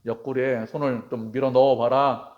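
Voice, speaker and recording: A man voicing Jesus, a gentle figure coaxing a doubting disciple, in slow, drawn-out, gently insistent words during a sermon. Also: mid-range voice, little pitch movement, phone-quality sound, lightly acted.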